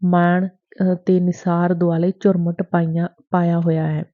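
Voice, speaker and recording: A woman narrating a novel as an audiobook in a measured, steady reading voice. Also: lowish voice. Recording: dry, tinny phone-like sound.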